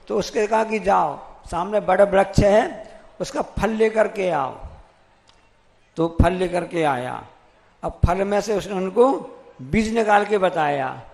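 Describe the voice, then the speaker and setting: A man's voice: sits high, gravelly, long reverb tail. A man, a monk, giving a sermon, telling stories with acted quotes and repeated phrases. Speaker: Jain monk.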